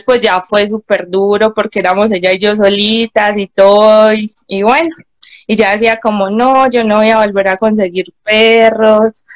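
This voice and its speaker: A young woman, chatting as a guest on a video call from home and telling a personal story with animated voices for the people in it. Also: medium pitch, no room sound. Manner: animated, acts out voices of others in anecdotes. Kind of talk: casual storytelling.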